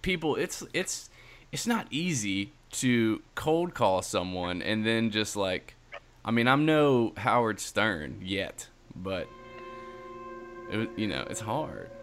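A man's voice: on the low side, animated, takes it slowly, a bit bright, a little hiss or hum. A man co-hosting a podcast in casual banter, rambling with frequent restarts and laughs. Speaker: podcast co-host.

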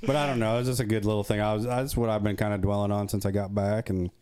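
A man with a low, mellow and smooth voice talks on a casual church men's podcast. He rambles and circles back, with many fillers and restarts. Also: flat delivery. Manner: rambling, halting, full of fillers. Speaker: podcast co-host. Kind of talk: casual chat.

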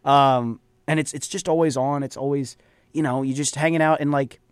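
A man's voice: medium pitch, steady tone, normal speed, clear, resonant tone, no room sound. A young man co-hosting a college radio sports show, chatty and eager, often saying "like". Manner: chatty, enthusiastic fan, fills with "like". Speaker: co-host. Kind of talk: casual sports talk.

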